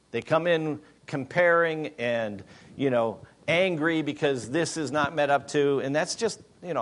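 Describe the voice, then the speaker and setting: A man's voice: a little high, a bit bright. A man in his fifties, a pastor, preaching a sermon with emphatic rhetorical questions to a congregation. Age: 50s.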